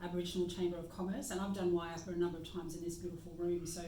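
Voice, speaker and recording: A woman's voice: on the low side, flat delivery, rapid-fire, crowd noise. An Australian woman speaking as a guest practitioner in a casual, reflective conversation about nature. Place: meeting room indoors. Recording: echoey room, mic at a distance.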